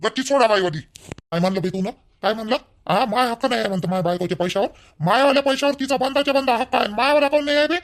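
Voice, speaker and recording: A man playing an angry young son-in-law who demands money, shouting and rough. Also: high-pitched, very fast. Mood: furious.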